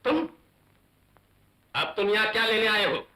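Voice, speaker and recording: A man's voice: sits high, sing-song, moderate pace, slightly rough, dry recording, exaggerated voice. An actor playing a proud lawyer and father who swings between indignant anger and anguish, in 1970s Hindi film style. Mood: angry. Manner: indignant, shouting, emotional. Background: film score music.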